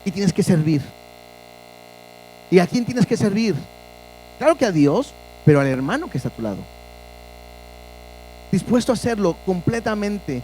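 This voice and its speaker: A man preaches a sermon in a strikingly high voice. He speaks earnestly and keeps putting direct questions to his listeners. A faint electrical hum runs underneath. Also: warm tone, rough recording. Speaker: pastor.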